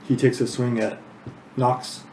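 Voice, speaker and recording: Slow-talking man running a tabletop game. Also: medium pitch, little pitch movement, a little mellow. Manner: slow, halting narration with fillers. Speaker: game master. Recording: echoey room with background noise.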